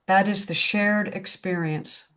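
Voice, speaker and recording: A woman facilitating a spiritual discussion group over a video call, speaking in a slow, reflective, contemplative way. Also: medium pitch, fairly even intonation, fairly bright tone.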